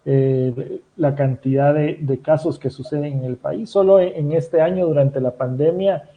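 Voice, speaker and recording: A man hosting an interview, talking in a measured, analytical way. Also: a little high, fairly even intonation, narrow, tinny audio. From Guatemala. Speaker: host. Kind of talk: interview commentary.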